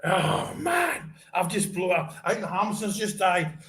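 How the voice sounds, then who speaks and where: A man vlogging a live football reaction from home, chatting casually, then erupting into shouted celebration and swearing before apologising. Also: high voice, steady tone, normal speed, echoey room, rough recording. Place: at home, wife in the room.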